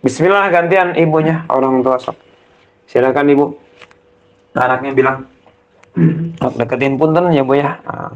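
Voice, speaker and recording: Gravelly man coaxing a family in prayer. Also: mid-range voice, dull audio. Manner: gentle coaxing prompts, rising into fervent prayer. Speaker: ruqyah cleric. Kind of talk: guiding a family prayer session.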